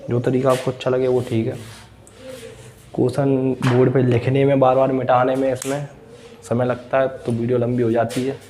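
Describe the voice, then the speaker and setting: A man's voice: mid-range voice, little pitch movement, normal speed, dark tone, slight background noise. A man teaching a blackboard maths lesson, asking the class questions and then answering them himself. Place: classroom with a board.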